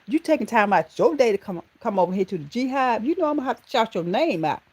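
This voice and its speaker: Speaking quickly in a slightly high, breathy voice, this Southern livestream host from Georgia greets her viewers by name. She's affectionate, calling them baby and honey, and exclaims with animation.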